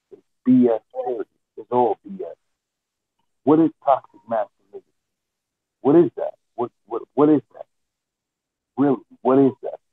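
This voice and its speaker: A man's voice: medium pitch, slightly rough, dry recording. A man speaking in an online audio chat room through a headset. He sounds muffled, as if through a wall, and lectures insistently with repeated rhetorical questions. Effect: muffled, dull sound as if through a wall. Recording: muffled, tinny headset line with a dry sound.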